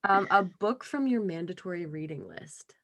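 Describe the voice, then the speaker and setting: A woman's voice: fairly low pitch, lively intonation, normal speed. A woman hosting a casual podcast interview, upbeat and giggly, encouraging her guest. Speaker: podcast host.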